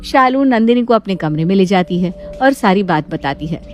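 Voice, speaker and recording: A woman narrating a moral cartoon story in an expressive, teasing storyteller manner. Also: medium pitch, moderate pace, soft background music.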